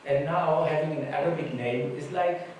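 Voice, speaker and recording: A man's voice: fairly high pitch, normal speed, a little mellow. Man telling stories in an echoing hall. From Germany. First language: German. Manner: informal, anecdotal storytelling. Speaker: conference panelist. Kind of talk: conference talk. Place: conference hall. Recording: echoey hall, distant mic, faint noise.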